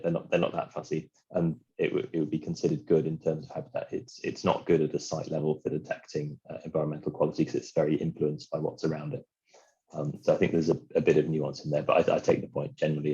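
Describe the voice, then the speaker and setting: A man's voice: rumbling low, dark tone, breathy edge, lo-fi sound. A man answering on a webinar panel over a video call, informal and blunt with his examples. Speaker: policy expert.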